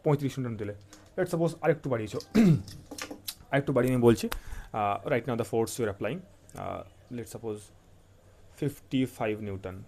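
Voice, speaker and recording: A man's voice: mid-range voice, moderate pace, pauses often, darkish tone, a little hiss or hum. A man with a Bengali accent teaching physics. He mixes Bengali and English, asks questions and answers them himself, and keeps checking in with listeners. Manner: repeats key points and checks in with listeners. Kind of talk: classroom-style lecture.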